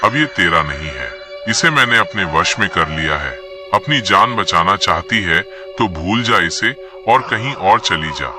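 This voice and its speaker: A man's voice: low voice, expressive, measured pace, music in the background. A man voicing a vengeful female witch-spirit that speaks through a possessed husband, in a menacing, threatening manner.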